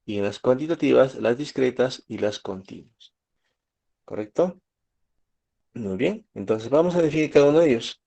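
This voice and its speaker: A man's voice: mid-range voice, expressive, normal speed, creaky, mellow, dull audio. A man from Peru, teaching statistics and often checking in with his students. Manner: asks students questions, gives everyday examples. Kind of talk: lecture to students.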